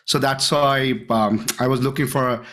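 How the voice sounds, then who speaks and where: A middle-aged Canadian man with a medium-pitched, slightly bright voice introduces himself to classmates on a group video call. His tone is steady and his pace moderate as he chats in an informal, enthusiastic way, as a student in the course.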